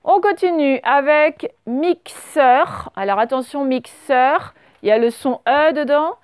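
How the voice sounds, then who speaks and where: A French woman teacher giving a slow dictation lesson to young children, stretching out words and spelling letters. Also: high-pitched, lively intonation, no room sound. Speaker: primary school teacher.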